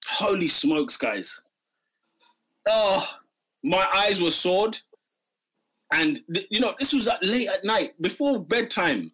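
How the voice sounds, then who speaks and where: A man's voice: high-pitched, lively intonation, unhurried, fairly bright tone, low-quality recording. A man with a London accent chatting casually and slangily as a football panellist, repeating phrases for emphasis.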